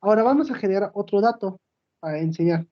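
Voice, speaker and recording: Woman walking through a software demo. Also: medium pitch, lively intonation, fast talker, dull audio. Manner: explains step by step, checks in with "¿sí?". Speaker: student presenting a project. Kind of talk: screen-recorded software demo.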